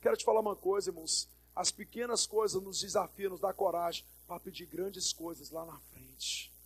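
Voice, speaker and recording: A Brazilian pastor with a high-pitched male voice delivers a sermon. He tells a personal story, acts out the dialogue in it and calls out to the congregation as he preaches. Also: normal speed, breathy edge. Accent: Brazilian Portuguese.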